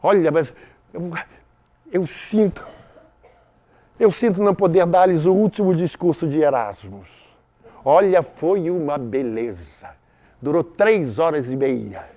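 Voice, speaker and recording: Brazilian man, stage monologue, high voice, teasing the audience, live theater. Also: slow, pauses often, dull audio. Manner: lively, jokes directly with the audience. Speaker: stage actor.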